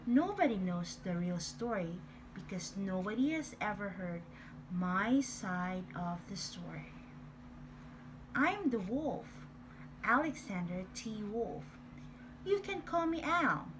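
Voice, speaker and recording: A woman's voice: mid-range voice, animated, slow, noisy background. A woman reading as a sly wolf telling his side. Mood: self-justifying. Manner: playful, exaggerated storytelling. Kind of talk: storybook reading.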